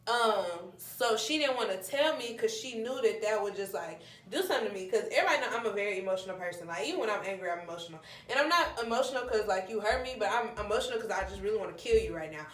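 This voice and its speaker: A young woman in her twenties, a vlogger telling a personal story in casual chat, animated and acting out what people said. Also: mid-range voice, quick pace, few pauses, reverberant, soft background music. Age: 20s. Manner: animated, addresses viewers as y'all, acts out quotes.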